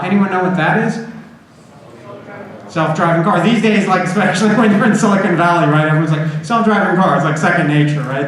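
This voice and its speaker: Male university lecturer, conversational and informal, somewhat higher-pitched voice, strong room echo. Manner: informal, conversational, checks in with "right?" and "you know". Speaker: university computer science lecturer. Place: indoor lecture room with an audience. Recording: echoey room, audible background noise.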